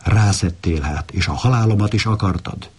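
A man voicing a timid, fearful male lion in a read-aloud fable, husky and pleading. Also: low voice, a little mellow. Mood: anxious. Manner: pleading, anxious.

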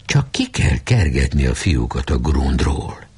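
A man's voice: very deep voice, very animated, a little mellow, breathy edge, voice pushed down, heavily acted. A man voicing a scheming teenage boy who talks in a wheedling way.

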